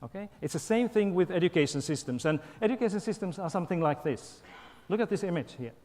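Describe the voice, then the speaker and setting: Male lecturer from Finland, slightly high-pitched, engaging and playful; long auditorium reverb. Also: fast. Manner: lively and playful, coaxing the crowd, frequent "okay?" and "right?". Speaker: guest lecturer. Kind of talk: public lecture with audience participation. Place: large university auditorium.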